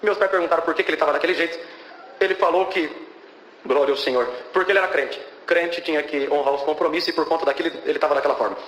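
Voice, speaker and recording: A man's voice: fairly high pitch, racing, a bit bright, slight background noise. A young Brazilian man giving a fervent testimony at a church service, breaking off often to praise God. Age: young adult. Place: church hall. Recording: echoey church hall with faint ambience.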